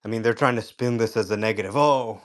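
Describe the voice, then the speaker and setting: A man speaking as a guest in a live chat, telling stories in an animated way and imitating other people's voices. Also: on the low side, very fast. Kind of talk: casual conversation.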